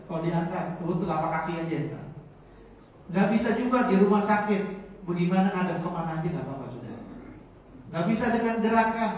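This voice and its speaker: A man's voice: high-pitched, a little mellow, far from the mic, a little hiss or hum. A man with a Betawi accent giving a joking, informal morning sermon, explaining Arabic phrases. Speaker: religious teacher. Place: large mosque hall. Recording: echoey mosque, mic from afar.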